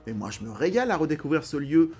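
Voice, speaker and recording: A man's voice: fairly high pitch, sing-song, fast talker, a little mellow, husky, faint music behind. A man hosting an enthusiastic, chatty, opinionated film commentary. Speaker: film video host.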